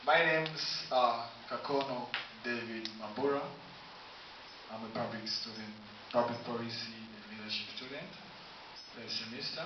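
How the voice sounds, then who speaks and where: Tanzanian man giving a campaign speech, echoey. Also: mid-range voice. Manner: formal, listing points, slow halting delivery. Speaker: student council candidate. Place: university room. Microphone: camera from afar, no mic. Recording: distant echoey room, dull hissy sound.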